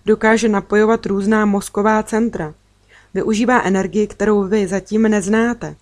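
A woman voicing a calm, kind alien girl from another planet who talks seriously and gently in a storybook reading. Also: mid-range voice, lightly acted. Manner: serious, gentle, matter-of-fact.

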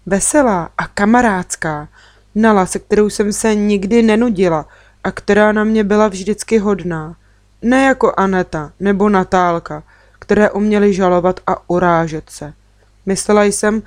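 A woman reading a children's story aloud as a first-person narrator, gentle and expressive. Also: mid-range voice, no room sound.

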